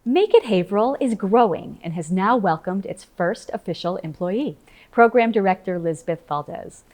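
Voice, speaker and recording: A woman hosting a local news program, reading scripted narration in a clear announcing manner. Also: mid-range voice, animated, moderate pace, a little mellow. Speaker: news host.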